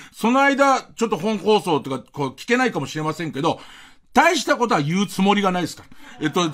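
A man's voice: a little high, fairly bright tone. A man hosting a late-night radio show, telling a rambling personal anecdote full of fillers. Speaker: radio host.

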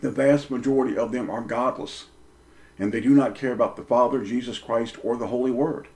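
A man preaching straight to his listeners in an emphatic monologue. He leans on rhetorical questions and hammers points home with short repeated lines. His voice sits at an ordinary middle pitch for a man. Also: steady tone, a little fast, darkish tone. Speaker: religious commentator.

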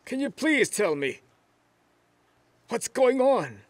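A man's voice: extremely high pitch, big pitch swings, slow, no room sound, heavily acted. An actor dubbing a stern, angry older father who scolds his daughter-in-law. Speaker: dub actor. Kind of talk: drama dub.

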